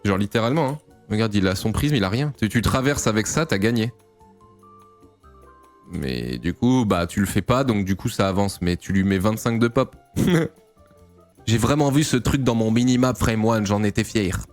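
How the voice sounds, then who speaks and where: A man from France breaks down a game replay in relaxed, teasing chat. He jokes, swears freely and keeps bursting into exclamations, with faint music under his voice. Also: lowish voice, normal speed. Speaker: StarCraft grandmaster analysing a replay. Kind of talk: casual gameplay commentary.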